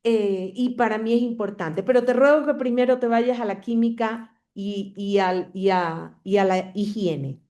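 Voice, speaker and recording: A woman's voice: medium pitch, measured pace, hardly any pauses, mellow. A woman hosting a podcast interview, asking questions in a hesitant way and searching for her words. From Ecuador. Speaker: podcast host.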